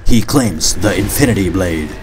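A man's voice: sits low, animated, moderate pace. A man voicing a grave, dramatic movie-trailer narrator in weighty epic style over video game footage. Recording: loud music behind. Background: music.

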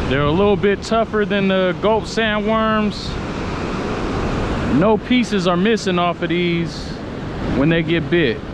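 A man talking casually while surf fishing on an open beach, excited and slangy, recorded on a chest-mounted action camera. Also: fairly high pitch, noisy background. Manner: excited, slangy and hype, cheering his buddy on. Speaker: fishing vlogger. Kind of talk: casual fishing vlog commentary. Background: crashing ocean waves.

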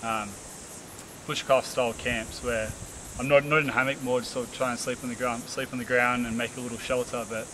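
Young Australian bloke, casual vlogger, tired and relaxed, camera a few metres off, hissy outdoor audio with insects. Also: male voice, mid-range voice, brisk. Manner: relaxed, rambling, many fillers and restarts. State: tired after a hot hike. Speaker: bushcraft vlogger. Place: outdoors in the bush by rocks. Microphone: camera on a tripod a few metres away.

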